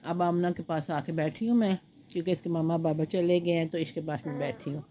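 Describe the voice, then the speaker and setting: This grandmother and home vlogger has a low, dark voice with a steady tone and talks fairly quickly despite a sore throat. Sitting indoors with a baby, she rambles chattily through stories and slips into baby talk, all over a slight hiss or hum.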